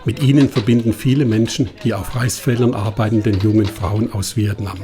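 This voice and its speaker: A man narrating a travel documentary in a calm, measured scripted voice-over. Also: fairly low pitch, crowd noise.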